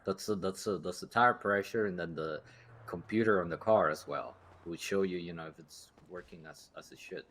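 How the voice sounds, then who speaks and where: A man's voice: low-pitched, normal speed, a bit bright. A man chatting casually with friends during a game, explaining things and pushing back. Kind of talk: casual gaming chat.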